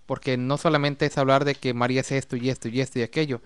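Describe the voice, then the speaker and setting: A man's voice: medium pitch, little pitch movement, fast talker, clean tone. A man co-hosting a religious talk program, explaining at length with long lists and rhetorical questions. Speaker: co-host of a religious discussion program. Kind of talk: casual religious discussion.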